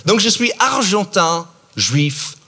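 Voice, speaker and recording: A man from New York doing a stand-up comedy set in French with an American accent, animated and mock-outraged, with sudden shouts and sing-song asides. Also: high-pitched, slow pace, slight background noise. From New York, USA. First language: English. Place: theater stage.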